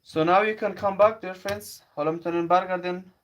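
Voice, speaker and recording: A male English teacher, explaining grammar and reading example sentences slowly, each one twice. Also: sits high, fairly even intonation, a bit bright, muffled recording. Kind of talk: bilingual classroom lesson.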